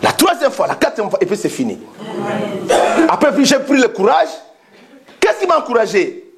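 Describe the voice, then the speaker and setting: A man preaching a sermon as pastor, animated, often shouting and laughing. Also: extremely high pitch, moderate pace, crowd noise.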